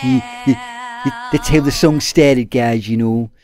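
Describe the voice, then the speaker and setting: Over music, a man reviews a TV episode for his viewers in a casual video monologue. His medium-pitched voice stays steady at a normal speed, though he often hesitates, restarts, and calls his audience "guys".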